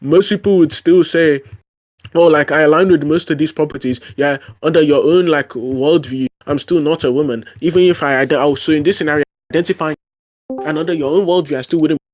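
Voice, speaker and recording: A man with a slightly high, darkish voice argues his point briskly in a casual online debate. His delivery is full of fillers and restarts.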